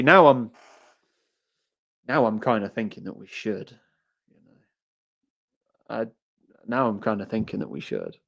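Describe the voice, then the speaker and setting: Reading viewer comments aloud between stretches of loose commentary, this male streamer talks at a medium pitch with a darkish tone. He rambles, says the same things again, and restarts often.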